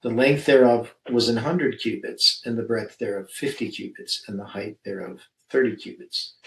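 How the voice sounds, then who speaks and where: A man's voice: lowish voice, normal speed, vocal fry, fairly bright tone, low-quality recording. Man leading a Bible study, thinking aloud. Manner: thinks aloud, reads scripture verses aloud.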